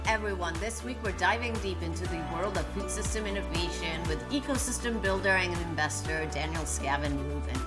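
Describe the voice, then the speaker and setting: Upbeat woman hosting a podcast. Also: fairly low pitch. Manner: upbeat, enthusiastic. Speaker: podcast host. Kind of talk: podcast intro and interview.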